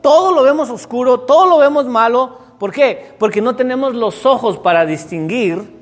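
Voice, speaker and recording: A man preaches with a notably high voice, mixing personal stories with questions to his listeners and building to emphatic peaks. His voice rings through a hall with a long reverb, and faint music plays underneath. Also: lively intonation, moderate pace. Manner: storytelling preacher, rising to emphatic peaks, asks the congregation questions. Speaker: pastor. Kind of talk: sermon.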